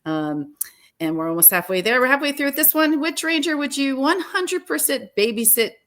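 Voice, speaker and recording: A woman co-hosts a sports fan show, chatting casually and animatedly through rapid-fire questions and sometimes trailing off mid-thought. Her voice is high-pitched, a bit bright, with lively intonation.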